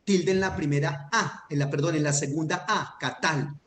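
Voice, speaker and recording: A man with a fairly high voice teaches step by step, patient and methodical, often pausing to check that his student is following. The sound is echoey, with a faint hiss behind it. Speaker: Hebrew teacher. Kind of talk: online grammar lesson. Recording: echoey room with faint noise.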